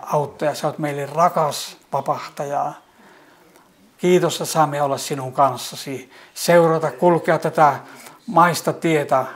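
Male preacher, fairly high voice, fervent spoken prayer with loud pleading climbs and stumbling restarts.

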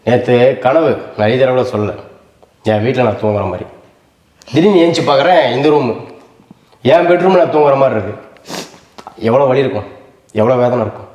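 A man talks quickly and earnestly to his audience, explaining things in long stretches. He is a family vlogger speaking casually at home. The bare room around him gives his voice a roomy echo. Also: mid-range voice, expressive, darkish tone, muffled recording. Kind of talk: emotional casual family vlog talk. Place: rented home, indoors.

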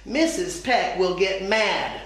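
A woman's voice: medium pitch, expressive, takes it slowly. A woman reading the lines of a cautious young schoolgirl who follows the rules, speaking in a matter-of-fact way. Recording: echoey room.

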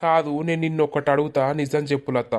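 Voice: mid-range voice, flat delivery, fast talker, darkish tone, natural voice. A performer voicing a hurt, resentful village man with a Telangana accent, talking in a reproachful, pleading way. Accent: Telangana Telugu. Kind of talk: animated village comedy dialogue.

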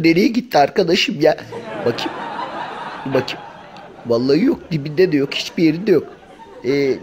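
A man's voice: fairly high pitch, noisy background. A man voicing a cheeky grumbling house cat. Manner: colloquial, joking, full of exclamations. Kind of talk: comic voice-over dubbing of pet videos.

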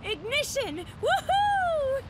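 Very high, plucky pig hero. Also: female voice, sing-song, normal speed, heavy background noise. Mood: urgent, determined. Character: plucky, heroic young pig fighter.

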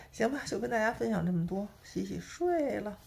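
A woman from Beijing, China, vlogs casually to camera in a Beijing accent, her voice on the high side, gravelly and darkish in tone. She sprinkles her chat with rhetorical tag questions.

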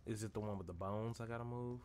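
A man's voice: lowish voice, steady tone, fast, darkish tone, a little hiss or hum. A young man streaming a video game, chatting casually in a rambling, jokey way. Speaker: gaming streamer. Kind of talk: casual gameplay commentary.

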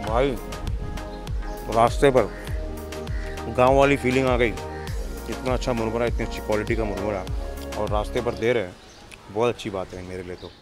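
A young man with a fairly low voice hosts a chatty street food vlog outdoors on a city street. He talks into a small handheld mic and praises the food with eager enthusiasm. Faint music plays softly behind him. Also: fairly even intonation. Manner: chatty, enthusiastic, asks quick questions. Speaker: food vlogger host. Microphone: handheld lapel mic.

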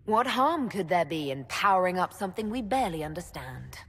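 A woman's voice: lowish voice, very animated, brisk, a bit bright, big-room sound. An actress playing a wry female hero who talks in a dry, sarcastic way.

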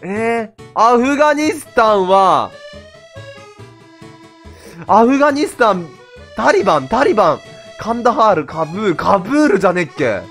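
Excitable male game streamer, very high voice, bouncy delivery, background music under him. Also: moderate pace, long pauses. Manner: excitable, laughing, talks to himself. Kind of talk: casual gameplay commentary.

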